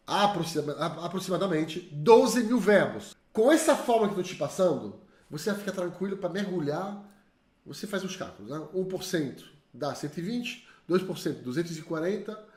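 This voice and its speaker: A man teaching online, lively and drilling learners to repeat slowly after him. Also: high-pitched. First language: French. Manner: spells out sounds slowly and carefully. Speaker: French teacher. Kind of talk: online language lesson. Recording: echoey room.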